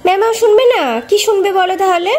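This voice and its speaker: A woman from West Bengal, hoarse with a cold, chatting to her vlog audience and gently coaxing her small daughter at home. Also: very high-pitched, fairly even intonation, quick pace. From West Bengal, India. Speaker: vlogger mother. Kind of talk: casual home vlog talk to camera and child.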